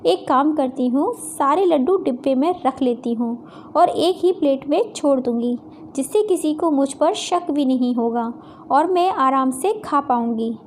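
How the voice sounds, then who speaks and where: A woman's voice: high-pitched, animated, unhurried, a little mellow, a little hiss or hum. A woman voicing a greedy, sly young sister-in-law who schemes and plays innocent. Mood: scheming. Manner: sneaky, self-pleased, scheming.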